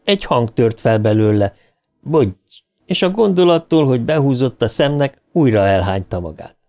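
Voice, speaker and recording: A man reading a horror novel aloud as an audiobook narrator, with dramatic lifts of pitch at tense moments. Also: animated, vocal fry, a little mellow.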